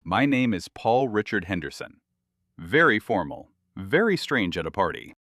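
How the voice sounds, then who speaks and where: A London man co-hosts an English-learning podcast, telling stories in a dry, playful way full of lively jokes. His voice is lowish, his pace normal, and there is no room sound.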